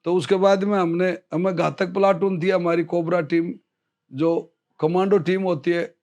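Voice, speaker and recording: A middle-aged man from India tells an old army story, high in pitch. He is an interview guest and an animated storyteller, slipping into the voices of the people he quotes. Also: moderate pace, dull audio. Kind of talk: storytelling in casual conversation.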